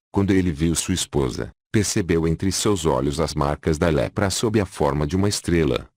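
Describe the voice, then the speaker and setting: Male audiobook narrator, very deep and dry, measured and solemn. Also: darkish tone, no echo. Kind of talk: scripted narration.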